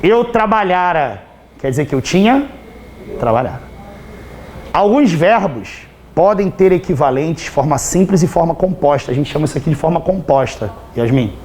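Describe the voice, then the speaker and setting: A man with a Brazilian Portuguese accent teaching grammar in a live class, chatty and teasing, constantly checking whether students understood, his voice slightly hoarse. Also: a little high, animated, normal speed, a little mellow, slight background noise.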